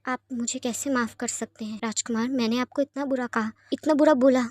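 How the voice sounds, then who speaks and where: A gentle, devoted young man speaks softly and remorsefully, as a woman reads him out in an audio fanfiction story. The voice sits high and the sound is dry and close, with nothing around it. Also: fairly even intonation, fairly quick, dry recording, close to an everyday voice. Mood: tender. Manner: soft-spoken, remorseful, pleading.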